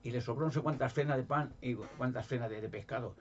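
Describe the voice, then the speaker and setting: A man's voice: mid-range voice, fast talker, dull audio, slight background noise. A man from Spain with a Spanish accent, preaching informally and retelling Bible stories, rambling with many restarts. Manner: rambling, many restarts, acts out quoted voices.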